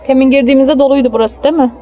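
At an outdoor theme park for kids, a young mother filming on her phone talks to her child in a high, warm voice, steady in tone but racing along. A faint crowd and the park's gentle outdoor ambience sit in the background.

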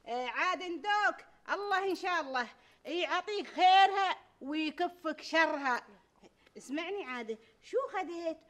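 A woman with a very high voice. She plays a wife in a sitcom and nags and chides. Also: animated, moderate pace, a bit bright. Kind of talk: sitcom acting.

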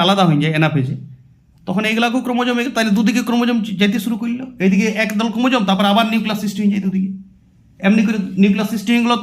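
High-voiced, fast-talking male teacher. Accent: West Bengal Bengali. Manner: explains by asking and answering his own questions; repeats terms while writing on a board. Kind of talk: exam-prep biology lesson.

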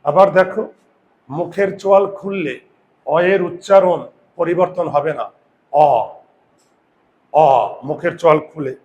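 A man teaching a grammar lesson who sounds out vowels slowly, repeats words and asks his students questions. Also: high-pitched. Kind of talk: classroom lesson.

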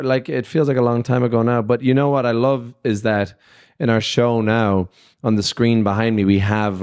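Speaking in a mid-range voice, a young musician gives a casual backstage interview at a festival lounge, holding a handheld mic. His talk is loose and rambling, sprinkled with fillers like "like" and "you know."

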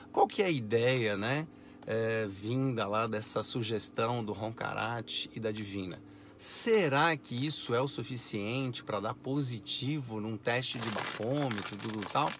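A man's voice: medium pitch, a bit bright, slight background noise. A man in his forties, from Brazil, chatting and explaining as he films a demonstration from inside a parked car. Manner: chatty, explanatory, frequent tag questions. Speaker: vlogger. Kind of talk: casual car vlog demonstration. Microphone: camera on the dashboard.

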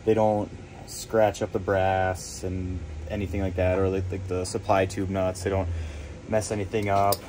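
The audio is poor, with a little hiss or hum, as a young man with a deep voice talks at a moderate pace from a crawl space beneath a building. He's a plumber casually discussing his tools in an on-the-job interview, loose and rambling with lots of "I mean" and "like."

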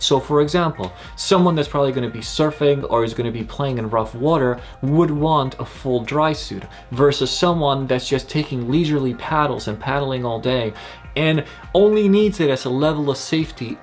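A man's voice: medium pitch, normal speed, soft background music. A young man hosting an instructional vlog, explaining gear in a friendly, step-by-step way from a small indoor gear room. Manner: friendly, explanatory, gestures while talking. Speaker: kayaking channel host.

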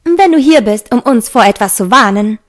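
A woman's voice: sits high, expressive, moderate pace, darkish tone, voice pushed up. A woman reading the lines of a protective female angel calling out in a fantasy audiobook. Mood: urgent.

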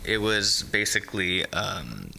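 A young man talks casually as a podcast guest, with a bright, forceful edge to a fairly low voice. He tells stories with animation, now and then humming a riff, close on a studio mic with headphones. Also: a little slow, vocal fry, a little hiss or hum. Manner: animated storyteller, hums riffs. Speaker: band member guest.

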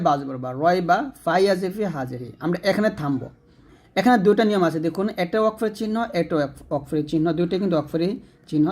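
Guy with a high voice doing a quran reading lesson, repeats rules a lot, draws out the example words. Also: a little mellow. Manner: patient, repeats rules, chants sample words slowly. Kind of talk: step-by-step spelling lesson.

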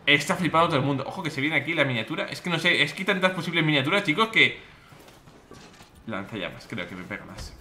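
A man with a Spain Spanish accent doing let's play commentary as a gaming YouTuber, excitable and exclamatory, often repeating his words. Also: a little high, fast, a little hiss or hum.

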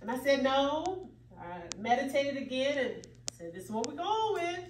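A young adult woman with a high-pitched, sing-song voice speaks at normal speed, with background noise present. She's giving an emphatic, preacherly keynote that sometimes rises to exclamations, recorded by a distant camera at the back of an echoey hall.

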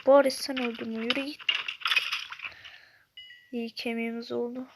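A woman's voice: fairly high pitch, level tone, normal speed, very noisy. A young woman casually commenting on her own gameplay, chatty with frequent exasperated outbursts. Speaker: gaming YouTuber.

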